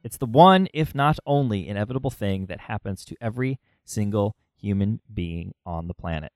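A man hosting a podcast, talking conversationally with halting phrasing and repeated words. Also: on the low side, lively intonation, a little mellow, no echo, studio quality. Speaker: podcast host. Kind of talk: conversational podcast intro and interviewing.

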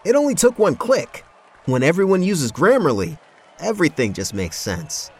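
A man's voice: fairly high pitch, big pitch swings, normal speed, a little mellow, slightly rough, exaggerated voice. A man playing an earnest office worker interviewed like a star athlete in a scripted ad. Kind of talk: scripted ad testimonial.

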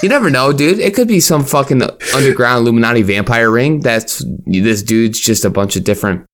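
A man's voice: medium pitch, expressive, fairly quick. A man co-hosting a casual podcast, cracking jokes and swearing freely. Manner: joking, heavy swearing, conspiratorial banter. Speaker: podcast co-host. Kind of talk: casual chat.

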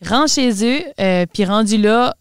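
Québécois woman podcast co-host, smooth clear voice, dry close sound, lively storyteller mixing in English. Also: on the high side, measured pace, no room sound. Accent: Québécois French. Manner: mixes English words into French, animated storyteller. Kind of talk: casual storytelling chat.

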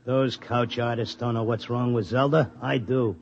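An actor playing a streetwise Broadway race tipster, talking blunt and slangy in a 1950s radio drama. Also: male voice, mid-range voice, steady tone, normal speed, gravelly, dull audio, a little hiss or hum, natural voice. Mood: determined. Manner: slangy, blunt, tough-guy talk. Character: streetwise Broadway racetrack tipster, devoted husband. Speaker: narrator and lead.

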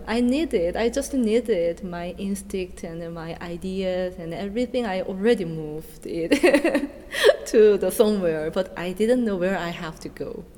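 A woman in her thirties from South Korea, a dancer speaking in English with a Korean accent, answering interview questions earnestly in halting non-native phrasing. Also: lowish voice, mellow. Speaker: dancer and choreographer. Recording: reverberant room with faint noise.

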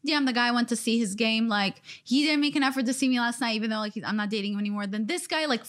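Woman podcast host, candid and animated, slightly high voice, casual chat. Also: quick pace. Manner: candid, animated storytelling with acted-out quotes.

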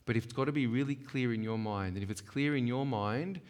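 A medium-pitched man talking fairly quickly leads a church workshop in a church hall. Conversational and emphatic, he regularly checks in with the crowd while the hall's long reverb trails his words.

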